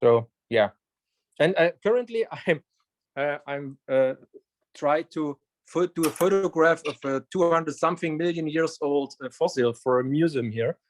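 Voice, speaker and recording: A man with a slightly high voice introduces himself on a video call in a chatty way. The sound is dry and close to the mic. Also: animated, moderate pace, no room sound. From Germany. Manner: chatty, laughs often. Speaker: 3D printing trainer.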